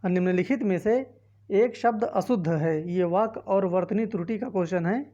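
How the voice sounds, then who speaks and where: Woman with a north indian hindi accent going through quiz answers, mellow voice, kinda dull muffled audio. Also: lowish voice, moderate pace. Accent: Hindi-speaking north Indian. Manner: reads answer options one by one, then explains. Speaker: exam-prep teacher. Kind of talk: quiz walkthrough lesson.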